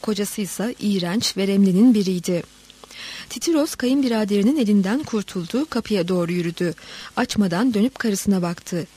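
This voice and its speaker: A woman narrating a literary story in a steady, dramatic reading voice. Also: medium pitch, moderate pace, breathy edge.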